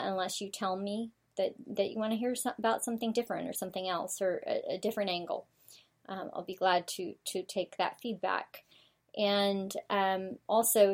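A woman from the United States hosting her own talk show, rambling through her thoughts with many fillers and restarts. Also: mid-range voice. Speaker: show host. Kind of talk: casual talk show monologue.

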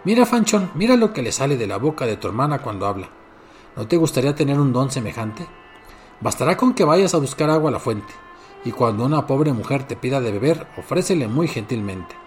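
A man's voice: mid-range voice, big pitch swings, fairly quick, soft background music, close to an everyday voice. A man doing a greedy, harsh storybook mother. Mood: demanding.

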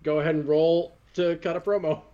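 High-pitched man running a tabletop game. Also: fairly even intonation, a little fast, warm tone, dull audio. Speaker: game master. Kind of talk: casual improvised tabletop game narration.

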